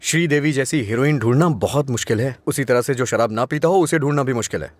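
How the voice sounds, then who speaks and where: A man's voice: mid-range voice, no echo, lightly acted. An actor dubbing a cheeky, carefree young man in a film, with a playful, teasing way of talking. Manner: playful, teasing, quick to laugh. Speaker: dubbed film hero. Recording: dubbed dialogue over loud film music.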